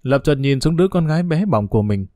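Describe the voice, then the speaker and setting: A man narrating a story in a steady storytelling manner. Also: a little high, fast talker, dry recording, studio quality, soft background music.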